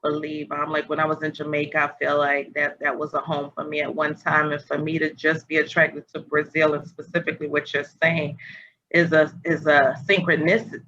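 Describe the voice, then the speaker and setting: A woman's voice: low voice, monotone, brisk, sharp tone. A woman hosting a casual spiritual conversation over a video call, meandering and searching for words. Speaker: podcast host. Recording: dull lo-fi audio with faint noise.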